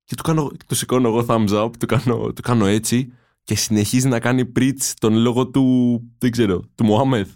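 A man's voice: medium pitch, steady tone, darkish tone. A young man co-hosting a casual podcast, telling stories in a laid-back, teasing way. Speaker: podcast co-host. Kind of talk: casual storytelling chat.

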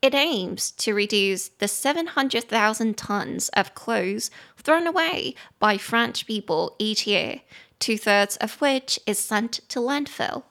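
Young woman, podcast English tutor, slightly high voice, casual Mandarin explanations with slow careful English read-outs. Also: lively intonation, a bit bright. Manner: reads English sentences slowly and clearly, explains in Mandarin. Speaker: podcast host and English teacher.

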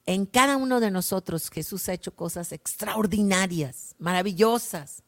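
Speaking at medium pitch, a woman leads worship with an unhurried, prayerful reflection on the gospel. Toward the close of her lines she frequently drops to a hush.

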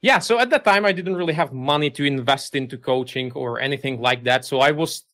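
Bright-voiced man. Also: medium pitch, brisk. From Czech Republic. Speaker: guest, business owner. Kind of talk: interview answers.

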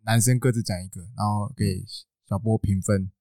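A man's voice: on the low side, fairly even intonation, moderate pace, dark tone, dry recording, studio quality. A man with a Taiwanese Mandarin accent, co-hosting a casual podcast, joking and moving the segments along. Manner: jokey, keeps the segments moving. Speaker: podcast co-host. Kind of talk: casual chat.

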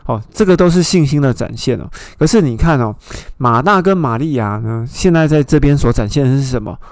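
A man with a gravelly, mid-pitched voice leads a Bible study lesson. He retells scripture scenes and stops to ask his listeners pointed questions. The sound is dry and close, with no room echo. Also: animated, a little fast, darkish tone. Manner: explanatory, asks the listener rhetorical questions. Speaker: Bible teacher.

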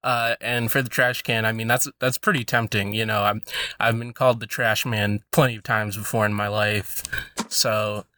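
A man's voice: on the low side, flat delivery, normal speed, bright, forceful tone, no echo. A man chatting as a podcast guest from a laundry room, joking and rambling. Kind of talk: casual chat. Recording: noisy laundry room recording.

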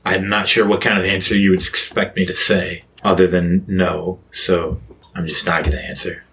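Curt, evasive ship captain with a lowish voice, read by a game master. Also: male voice, flat delivery, normal speed, fairly bright tone, a little hiss or hum. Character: calm, guarded male ship captain. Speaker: game master voicing a character.

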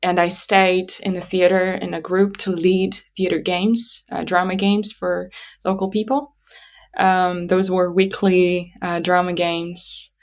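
A Kazakhstani woman, a native Russian speaker, appears as an interview guest telling personal stories conversationally. Her voice is slightly low and level, and she's halting and reflective, pausing to think aloud.

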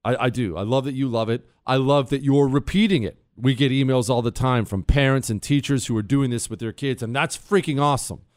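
A man's voice: mid-range voice, a little fast, hardly any pauses, no echo, clean studio sound. An American man hosting talk radio in a casual, opinionated monologue, emphatic and repeating phrases for effect. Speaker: radio talk show host.

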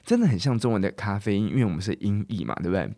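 A man hosting a podcast English lesson, chatty and casual, drilling words slowly and often asking "OK?". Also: lowish voice, lively intonation, warm tone, no echo, clean studio sound. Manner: casual, chatty teaching in Mandarin mixed with English. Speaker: English teacher and podcast host.

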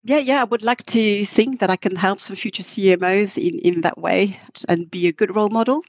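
A middle-aged woman with a mid-range voice, not a native English speaker, appears as a podcast interview guest; she is a marketing executive. She speaks thoughtfully but haltingly, often restarting her sentences. The recording is dry.

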